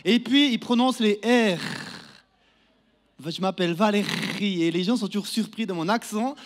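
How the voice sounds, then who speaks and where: A man's voice: sits high, moderate pace. A man in his thirties with a Neuchâtel Swiss French accent, a down-to-earth guest preacher addressing a church congregation and asking them questions. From Neuchâtel, Switzerland. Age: 30s. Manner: friendly, down-to-earth, speaks to the crowd with questions. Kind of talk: sermon introduction to a congregation. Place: church hall.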